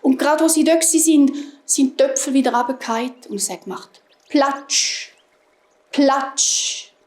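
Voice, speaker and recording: A woman with a Swiss German accent telling a fairy tale to children in a gentle, unhurried manner. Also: high voice. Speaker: storyteller. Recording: roomy echo.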